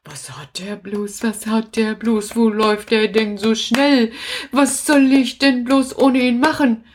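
A woman's voice: a little high, steady tone, a little slow, a little hiss or hum, close to an everyday voice. A woman voicing a lovesick, clingy female crocodile in a children's puppet show, doting and sobbing dramatically.

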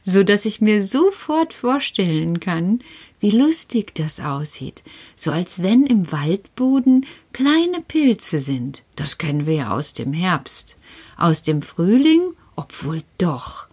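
A woman hosting a children's show, talking things over with a puppet friend. Her voice is lowish and a little husky, and her slow, musing delivery swoops up and down in pitch. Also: big pitch swings, a little mellow. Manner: slow, musing, wondering aloud.

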